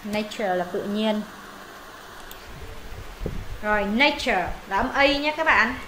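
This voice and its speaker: Bright-voiced Vietnamese woman teaching English. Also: medium pitch, slow pace, a little hiss or hum, rough recording. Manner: repeats words for students, thinks aloud when unsure. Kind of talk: pronunciation lesson, explaining and modelling words.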